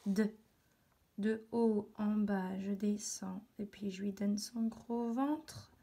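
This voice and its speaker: A woman teacher with a French accent gives a remote lesson to young children, stretching out words and articulating slowly and clearly. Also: medium pitch, fairly even intonation, warm tone.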